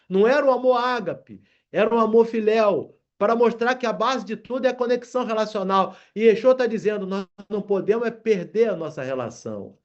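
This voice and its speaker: A man's voice: high voice, a little mellow, highs cut off. A man preaching a sermon, reading scripture aloud and calling his listeners brothers. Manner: addresses congregation as brothers, reads scripture aloud.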